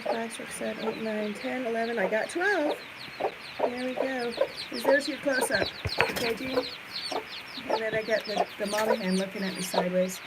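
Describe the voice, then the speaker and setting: A woman with a somewhat high voice hosts a relaxed livestream walk-about through the barn and chicken coop, doing farm chores while she rambles to her viewers and asks the animals cooing questions. A handheld phone or camera picks it all up noisily, with chickens clucking, a rooster crowing and general farm ambience.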